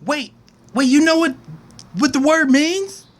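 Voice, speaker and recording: A man voicing an excited seven-year-old girl in a comedic story, talking in an eager, wide-eyed way. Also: very high voice, a little slow, pitched above the performer's own voice, heavily acted.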